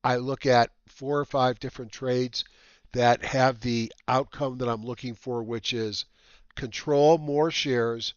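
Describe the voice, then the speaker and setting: A man with a whistling nose hosting a market update as a trading educator, talking casually and haltingly with rambling asides. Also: mid-range voice, steady tone, clean tone, no room sound. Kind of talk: casual semi-scripted market commentary. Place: dry room at home. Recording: slightly dull, lo-fi dry recording.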